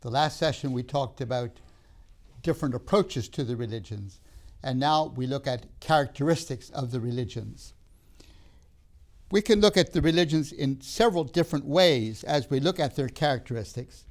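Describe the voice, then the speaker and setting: An older man raised in Tanzania delivers a recorded seminary lecture in measured, emphatic phrases, broken by pauses, "uh"s and restarts. His medium-pitched voice is expressive.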